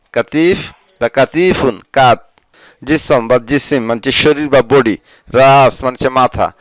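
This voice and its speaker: Male tutor for a scripted phrase lesson, steady middle voice, dry, close to the mic. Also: medium pitch, dry recording. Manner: repeats each phrase, then explains it. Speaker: language teacher.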